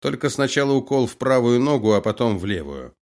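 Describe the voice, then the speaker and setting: A man reading an audiobook, voicing a cold, calm male colonel who gives orders and gloats. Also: medium pitch, brisk, voice pushed up. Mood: cold, commanding.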